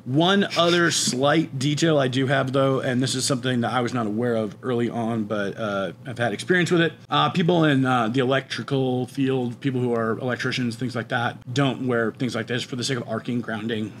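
A man from northern Minnesota talks through practical advice in an easygoing, conversational way, pausing on "uh" and "um". His voice sits at a middling pitch, and a faint noise hums behind him. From northern Minnesota, USA. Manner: relaxed, practical, with frequent fillers. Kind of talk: casual explanatory chat.

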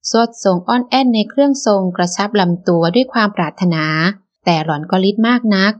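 A woman's voice: medium pitch, lively intonation, brisk, highs cut off. Woman narrating an audiobook novel.

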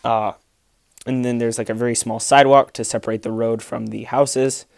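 A man who runs a Lego city-building channel rambles through a casual vlog walkthrough from behind the camera, in an indoor room with a large Lego table. His mid-pitched voice is a little mellow, with vocal fry and little pitch movement, moving at normal speed with many fillers and restarts. The phone recording is close and dry.

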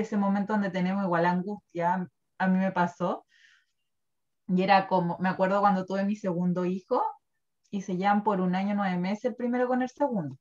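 A woman in her thirties with a Chilean Spanish accent, chatting casually as a guest who presents wellness products. She talks in an animated, chatty way and laughs often. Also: medium pitch. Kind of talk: casual chat. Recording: dull lo-fi recording.

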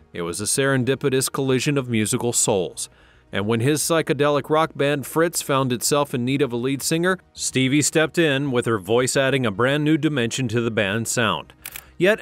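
A male narrator reads a scripted biography in a dramatic, storytelling way. His pitch sits in the middle for a man. The voice is recorded dry and close, as a studio voice-over. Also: dry recording. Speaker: documentary narrator.

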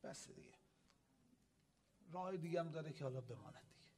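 A male cleric preaching a Muharram sermon in an Islamic center hall, impassioned, swinging from loud exhortation to hushed asides. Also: on the high side, a little hiss or hum.

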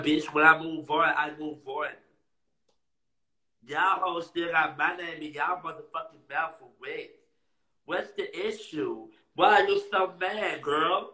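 A man rants on a livestream in a high, piercing voice, taunting and repeating himself as he goes. He talks into a phone, and the sound rings with room echo. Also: bright, forceful tone. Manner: confrontational, taunting, repetitive. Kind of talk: heated livestream rant. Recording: roomy echo.

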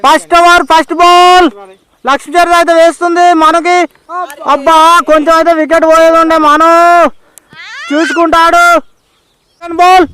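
Very high-pitched Telangana male cricket commentator. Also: level tone, normal speed, long pauses, bright, forceful tone, low-quality recording. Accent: Telangana Telugu. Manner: exclamatory, often repeats calls. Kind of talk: informal ball-by-ball commentary.

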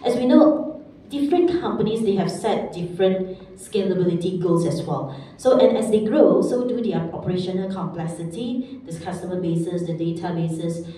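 A woman's voice: lowish voice, lively intonation, normal speed, dark tone. A woman moderating a panel in a formal manner. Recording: very echoey hall, distant mic, faint noise.

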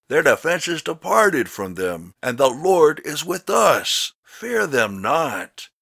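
A man reading scripture as a narrator in a solemn, dramatic style, with measured, emphatic, declamatory delivery. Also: mid-range voice, a bit bright, dry recording, studio quality. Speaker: Bible narrator.

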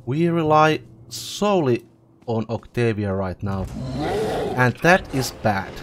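Man slowly commenting on a game. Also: mid-range voice, expressive, fairly bright tone, soft background music. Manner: chatty, thinks aloud, reacts to the fight. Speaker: let's play host.

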